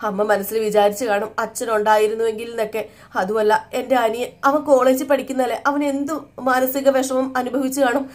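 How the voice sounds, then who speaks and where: A woman's voice: a little high, flat delivery, a little fast, lightly acted. A woman voicing a young wife who pours out her hurt over her family's humiliation. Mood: aggrieved. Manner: aggrieved, tearful pleading.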